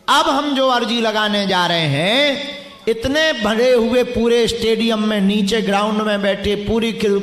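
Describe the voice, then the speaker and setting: A man's voice: very high-pitched, fairly bright tone. A man as a religious preacher addressing a packed stadium crowd and teasing audience members. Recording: echoey stadium sound.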